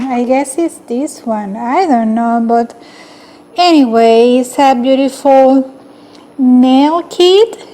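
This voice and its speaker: A young woman hosting a beauty channel, calmly listing the items of an unboxing one by one. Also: sits high. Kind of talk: unboxing vlog.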